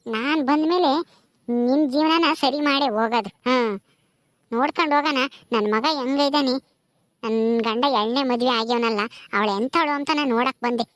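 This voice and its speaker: A woman voicing the ghost of a dead first wife, scolding and vengeful, in a lower voice. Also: normal speed, no echo, clean studio sound, close to an everyday voice. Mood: menacing.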